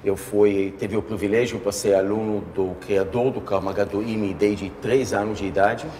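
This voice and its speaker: Man, Israeli accent, measured explaining, faint background noise. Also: fairly low pitch, fairly even intonation, a little mellow. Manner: explains in a measured way, slightly non-native phrasing. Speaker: martial arts master. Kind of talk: TV interview guest. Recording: echoey room with long reverb, faint noise.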